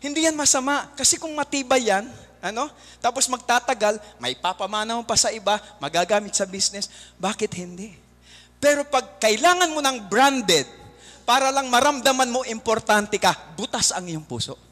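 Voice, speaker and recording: A Filipino man speaking from a stage at a motivational seminar, with a very high, bright and forceful voice. He keeps firing rhetorical questions at the crowd and tells stories with energy. A long reverb from a large hall trails his words. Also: normal speed. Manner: quizzes the audience with rhetorical questions; lively storyteller. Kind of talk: motivational seminar talk mixing Tagalog and English.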